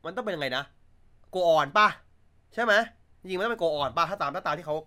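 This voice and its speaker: Lively, bright-voiced male streamer. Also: high-pitched, fast talker. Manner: blunt, crude joking, laughs often. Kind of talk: casual livestream chat.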